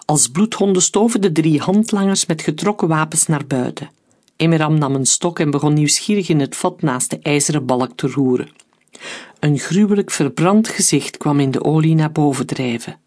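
A narrator reading a thriller aloud as audiobook, in measured, slow narration. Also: mid-range voice, a little mellow.

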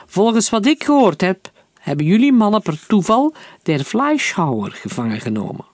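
Man voicing a cold commanding officer, storybook reading, gravelly, a bit raised. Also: sits high, big pitch swings, normal speed, dry recording, voice pushed up, exaggerated voice. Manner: cool, coldly menacing. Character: calm commanding German officer leader.

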